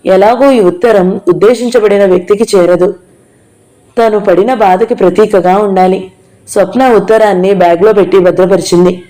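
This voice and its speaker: A woman narrating a novel in a steady, measured read. Her tone is dark and mellow, sitting at a middling pitch. She keeps an even storytelling pace throughout. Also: rough recording.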